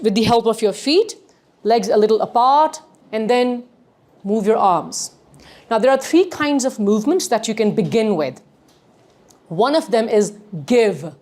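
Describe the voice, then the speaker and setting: A woman teaching a workshop on communication, switching between English and Urdu in quick, lively bursts. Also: a little high. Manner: animated, mixes English and Urdu, rapid bursts. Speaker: communication skills trainer.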